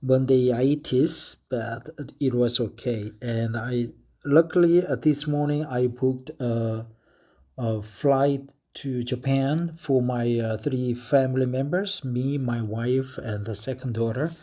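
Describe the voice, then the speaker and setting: Speaking slowly in a warm, mid-range voice, a man from Korea in his fifties keeps a casual spoken diary and reads passages aloud. He is a vlogger and a native Korean speaker with a Korean accent, and his delivery is hesitant and full of fillers.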